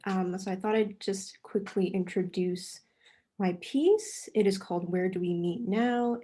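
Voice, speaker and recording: A woman reading her own literary essay aloud in a measured way over a video call, after a brief introduction. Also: medium pitch, mellow. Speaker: reader, author.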